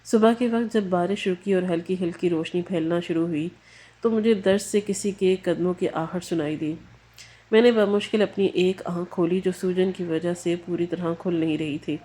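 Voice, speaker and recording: A woman narrating a scripted emotional story in a low, warm voice. Her delivery is somber and grave throughout, steady from line to line. She reads in the first person.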